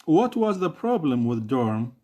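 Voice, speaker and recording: A man's voice: a little high, very animated, unhurried, background noise. A man teaching an English lesson in a Saudi Arabic accent, an Arabic speaker who hesitates with many fillers and repeats each phrase.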